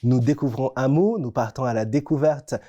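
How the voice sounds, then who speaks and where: Leaning on key words, a presenter teaches a scripted lesson for an educational French-language TV segment in an explanatory, didactic style. The mid-range voice has a dark tone and normal speed, and the sound is lo-fi.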